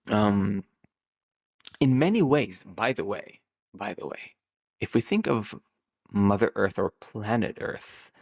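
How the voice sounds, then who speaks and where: A man with a lowish, gravelly voice hosts his own podcast as a numerologist, delivering an improvised solo monologue. He thinks aloud off the cuff, rambling and musing, drawing out key words and repeatedly restarting his sentences.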